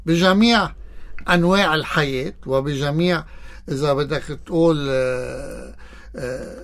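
Lebanese psychologist on the radio, kinda high voice for a guy, explains stuff and keeps going "right?". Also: measured pace, gravelly, a bit bright. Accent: Lebanese Arabic. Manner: explanatory, asks rhetorical questions. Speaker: psychologist guest. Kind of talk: radio interview.

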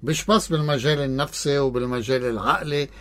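A man's voice: medium pitch, fast, fairly bright tone. A man with a Lebanese accent, a psychologist guest on a radio show, explaining in plain terms and tossing in rhetorical questions. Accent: Lebanese Arabic. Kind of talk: radio interview.

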